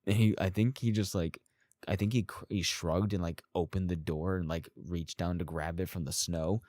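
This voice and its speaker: A man's voice: low voice, steady tone, normal speed, darkish tone, no room sound, clean studio sound. A man casually telling personal stories, rambling and profane, chuckling often as he goes. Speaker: storyteller.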